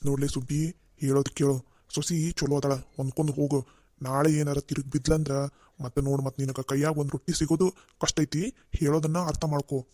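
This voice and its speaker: An old cartoon village elder, voiced by an actor gives calm advice in a North Karnataka Kannada accent. The voice is mellow and mid-pitched. The sound is dry and close. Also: brisk, dry recording, close to an everyday voice. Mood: advising. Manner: calm, advising. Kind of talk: cartoon voice acting.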